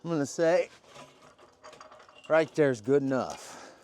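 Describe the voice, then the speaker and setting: Lively, laughing high-voiced man. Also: slow. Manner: jokey, laughing, excitable. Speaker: vlog host working with a crew. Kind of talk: casual shop talk. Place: shop and yard, outdoors at times. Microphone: worn mic he is unsure picks him up.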